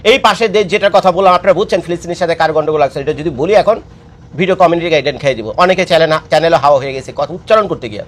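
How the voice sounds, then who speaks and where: A man's voice: on the high side, racing. A man, delivering an impassioned political monologue, lecturing and scolding his listeners and repeating his points. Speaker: political commentator. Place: living abroad.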